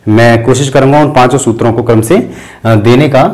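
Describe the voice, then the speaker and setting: A man's voice: mid-range voice, poor audio. A man teaching a grammar lesson. He talks patiently, breaks terms into parts, and uses many fillers. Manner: chants sutras slowly and softly. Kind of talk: explanatory lesson.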